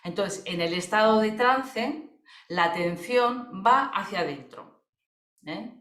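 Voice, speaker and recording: Woman, chatty webinar talk full of fillers and tag questions, mid-pitched, echoey room over a video call. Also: expressive, slow, a bit bright. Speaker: voice therapist. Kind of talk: webinar explanation.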